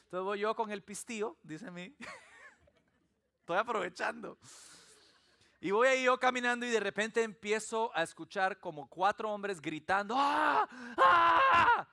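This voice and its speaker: This Salvadoran pastor has a high-pitched voice, speaks a little slowly and pauses often. With a Salvadoran Spanish accent, he preaches in church, weaving in animated, funny stories.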